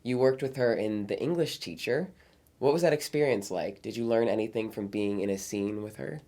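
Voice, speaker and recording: A man's voice: on the low side, moderate pace, mellow. A man hosting an interview who asks friendly questions and pays the guest eager compliments. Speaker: interview host.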